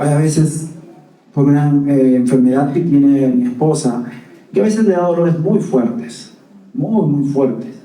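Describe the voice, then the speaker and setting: A man's voice: fairly high pitch, warm tone, echoey room, recorded from a distance, rough recording. A male pastor giving a conversational sermon, often turning to ask the congregation questions. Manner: conversational preaching with asides to the congregation. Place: church hall.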